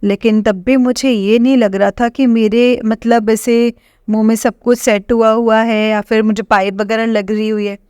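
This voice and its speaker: Halting middle-aged woman, smooth dry voice. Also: on the high side, level tone, darkish tone, no room sound. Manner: hesitant, halting, addresses listeners as congregation. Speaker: devotee sharing testimony. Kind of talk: devotional testimony to a congregation.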